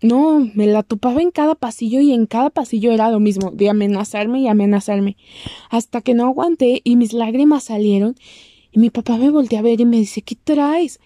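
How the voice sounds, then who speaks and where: This vlogger is a young woman with a Mexican accent, and she talks briskly and warmly while recounting a personal story to the camera. She's chatty and performs the quoted lines in a squeaky voice. The recording is dry and of studio quality.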